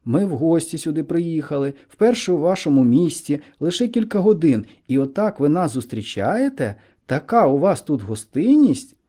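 A man's voice: a little high, sing-song, moderate pace, hardly any pauses, mellow, voice pushed up. A man voicing an indignant teenage boy who argues urgently and keeps pressing his case. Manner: urgent, arguing.

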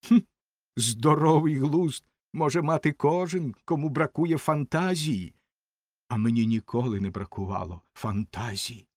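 A man's voice: medium pitch, darkish tone, no room sound, clean studio sound. A man voicing a vain, self-pitying female rocket firework in a haughty, theatrical way.

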